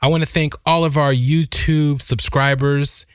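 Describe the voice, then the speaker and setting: A man's voice: fairly high pitch, fairly even intonation, unhurried, clean tone, no echo, studio quality. A man co-hosting a podcast in casual conversation. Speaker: podcast co-host. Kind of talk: casual chat.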